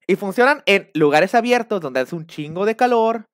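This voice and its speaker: A man with a Mexican accent talking casually on a live stream, rambling and animated. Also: high voice, moderate pace, dry recording, studio quality. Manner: rambling, animated, acts out shouted quotes.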